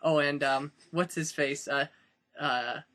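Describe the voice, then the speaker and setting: A young man with a bright, slightly high voice chats casually as a podcast co-host. He rambles through stories, restarting sentences and leaning on filler words. He is recording at a friend's house. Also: steady tone, slow. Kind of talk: casual chat.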